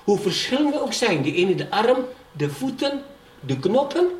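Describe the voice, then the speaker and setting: A man's voice: very high-pitched, big pitch swings, moderate pace. A middle-aged man preaching a sermon in a church, often checking in with the congregation and rising in fervour as he testifies. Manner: keeps asking the congregation "ja?". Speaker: pastor. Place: church hall. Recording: echoey hall, from far off, faint background noise.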